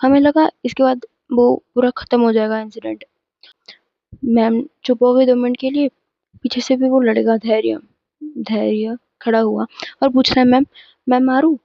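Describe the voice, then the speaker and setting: A woman's voice: on the high side, steady tone, moderate pace, vocal fry, long pauses, no echo, lo-fi sound. A teenage girl casually telling a personal school story to her viewers, emphatic and chatty. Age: teens. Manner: chatty, emphatic retelling with frequent restarts.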